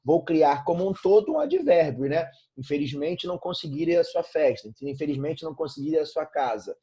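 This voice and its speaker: A man's voice: fairly high pitch, lively intonation, brisk, mellow, breathy edge, dull audio. A Brazilian man teaching an informal online grammar lesson, repeating points and checking in with frequent tag questions. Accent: Brazilian Portuguese.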